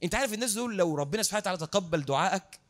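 A man with an Egyptian accent preaching a lecture in a mosque, lively, repeating words for emphasis and asking his listeners questions. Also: high voice, rapid-fire. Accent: Egyptian Arabic.

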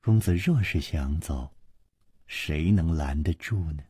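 A man putting on a frail, elegant noble consort, all hushed softness. Her voice sinks low and husky, drawn out slowly like a sigh in a storybook tale. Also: animated, no echo, clean studio sound, exaggerated voice. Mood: gentle. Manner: soft, slow and hushed. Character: frail graceful noble consort, soft and gentle.

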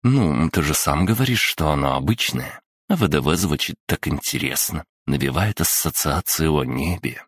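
A man's voice: rumbling low, lively intonation, moderate pace, breathy edge, no room sound, studio quality, full character voice. A man reading an audiobook voices a playful schoolgirl who talks in a sly, teasing way.

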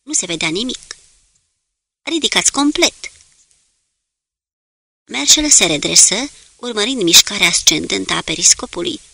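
A woman reading a novel aloud as an audiobook narrator, in a steady, measured way. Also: mid-range voice, creaky, breathy edge, dry recording.

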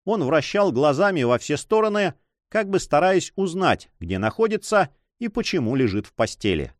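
A man reads a story aloud in an expressive storytelling manner. His pitch rises and falls in lively swings. The recording is dry and close. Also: normal speed, no room sound. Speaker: audiobook narrator. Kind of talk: scripted narration.

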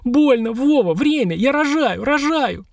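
A male narrator voicing a young woman in labor, crying out in pain in a very high voice. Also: big pitch swings, slow, mellow, breathy edge, no room sound, clean studio sound, exaggerated voice. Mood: panicked. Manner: shrill cries.

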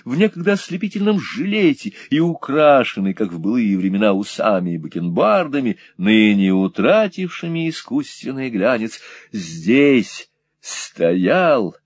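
A man narrating a classic novel in an expressive, theatrical audiobook reading. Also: mid-range voice, unhurried, no echo. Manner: theatrical, varied delivery.

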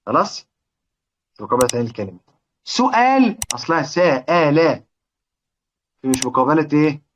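A man with an Egyptian accent teaching Quran recitation rules. He asks his listeners questions, answers them himself, and draws out example words slowly. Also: a little high, animated, slight background noise. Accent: Egyptian Arabic. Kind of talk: explanatory lesson.

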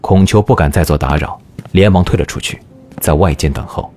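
A man's voice: low-pitched, fairly quick, darkish tone. A man narrating a historical audio drama in a scripted, dramatic storytelling style. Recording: music behind the narration.

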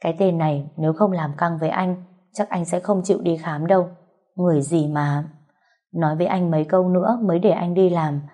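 Husky Southern Vietnamese woman telling a story. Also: on the low side, fairly even intonation, brisk, warm tone. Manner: emotional, heartfelt storytelling. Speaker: narrator. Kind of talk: first-person audio story narration.

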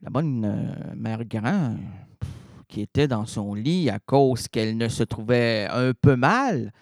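A man's voice: medium pitch, animated, takes it slowly, no room sound, studio quality. A man hosting a radio show, rambling playfully through a comic retelling full of wordplay and stammered restarts. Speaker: radio host. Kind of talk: absurd comic storytelling on radio.

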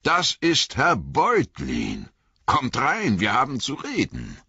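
A man voicing a gruff, hearty male hobbit farmer in an audiobook, speaking in a booming, blustery, rustic way. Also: sing-song, measured pace, sharp tone, dry recording, lo-fi sound, full character voice.

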